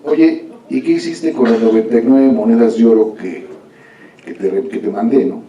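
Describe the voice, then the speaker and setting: A man's voice: medium pitch, normal speed, warm tone, dull audio, close to an everyday voice. A man voicing an exasperated, angry king in a spoken story, with raised, indignant questions. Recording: echoey hall from far off.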